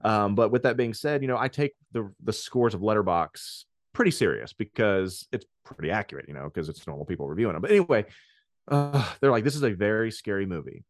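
A man co-hosting a podcast, chatting in a relaxed, rambling way with plenty of fillers. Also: lowish voice, brisk, dry recording. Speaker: podcast co-host. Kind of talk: casual chat.

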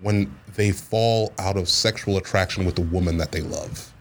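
A man's voice: low-pitched, normal speed, a little hiss or hum. A man co-hosting a casual podcast chat, joking and laughing often as he poses a question to his friends. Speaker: podcast co-host.

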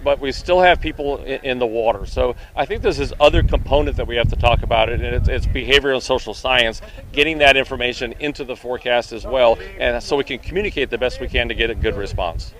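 A man's voice: medium pitch, fast, hardly any pauses, fairly bright tone, poor audio. A man in an interview, explaining as a forecasting director in emphatic, punchy short phrases. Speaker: hurricane forecasting agency director.

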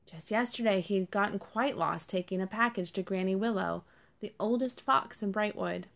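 A woman narrating a children's storybook, gentle and speaking to the listeners directly. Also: medium pitch, moderate pace, vocal fry.

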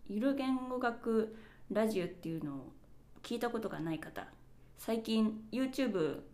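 Lively, animated Japanese woman podcaster. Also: fairly high pitch, a little slow. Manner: chatty, self-reflective, explains with examples. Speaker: podcast host. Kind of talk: casual solo podcast talk. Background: birds chirping.

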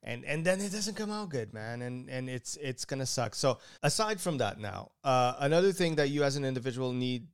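A man's voice: medium pitch, lively intonation, a little fast, hardly any pauses, clean tone. A man co-hosting a casual chat, talking in a rambling way with frequent stutters and restarts. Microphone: studio microphone he keeps bumping.

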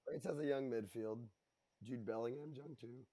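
A man's voice: mid-range voice, normal speed, warm tone. A man co-hosting a casual sports podcast who jokes around and repeats his points. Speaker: podcast co-host.

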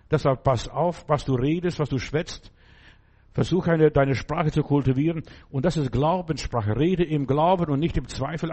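A middle-aged man preaching a sermon, exhorting the listener directly and acting out quoted commands with raised voice. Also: on the high side. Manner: acts out quoted commands loudly.

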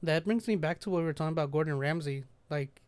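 Smooth-voiced man telling a story. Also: on the high side, fast talker, no room sound. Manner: animated, laughing storyteller. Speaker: podcast co-host. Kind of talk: casual storytelling.

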